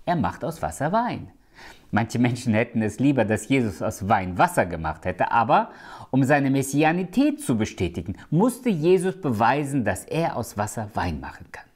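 A man preaching a sermon. He speaks with emphasis, slows down to quote scripture and sometimes drops to a hushed tone. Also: medium pitch, sing-song.

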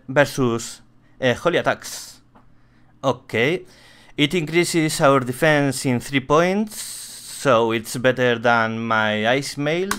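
A man with a Spanish accent, a native Spanish speaker, giving casual gameplay commentary in halting English, swearing a lot and mocking himself. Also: medium pitch, a bit bright. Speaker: streamer.

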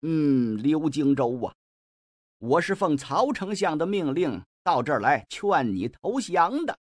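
A man voicing an arrogant, mocking male scholar in an audiobook, with drawn-out, scornful cries. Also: fairly high pitch, big pitch swings, no room sound, studio quality. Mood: haughty.

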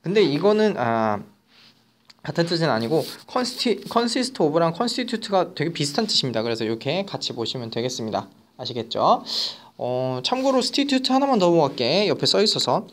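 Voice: medium pitch, big pitch swings, brisk. A teacher giving an online vocabulary lecture who mixes casual and polite speech and keeps checking in with students.

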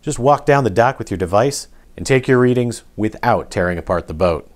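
A man reading scripted narration for a product video in a smooth, even promotional delivery. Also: medium pitch, a little fast.

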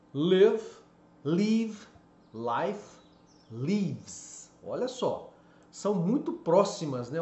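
Animated male teacher in echoey room. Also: fairly high pitch. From Brazil. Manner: animated, explanatory, stretches out example words slowly. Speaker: English teacher. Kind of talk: casual video lesson. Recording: echoey room, slightly dull lo-fi sound.

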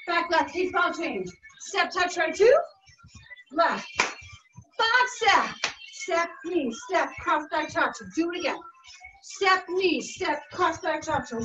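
A young woman working as an aerobics instructor, calling out short, encouraging workout cues and whoops with lots of energy as she exercises in a living room. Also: very high voice. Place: carpeted living room at home. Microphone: camera across the room. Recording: distant mic, dull sound, music behind. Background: workout music.

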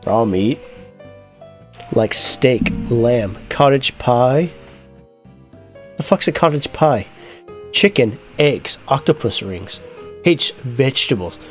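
A man's voice: medium pitch, animated, slow pace, pauses often, soft background music. A man commentating a game in a crude, laughing, exasperated way while reading out game text. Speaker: gaming YouTuber. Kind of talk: let's-play commentary.

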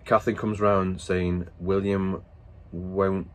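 A man's voice: sits low, little pitch movement, takes it slowly. A man casually telling a family story to camera, rambling and stop-start, breaking into laughter. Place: at work after dinner.

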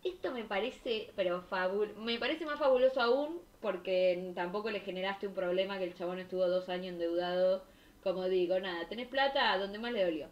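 A young woman from Argentina with a Rioplatense accent, reacting to viewer stories on a stream in an expressive, slangy way. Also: medium pitch, moderate pace, highs cut off. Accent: Rioplatense Spanish. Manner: expressive, slangy, laughing and exclaiming. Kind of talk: casual chat reacting to stories.

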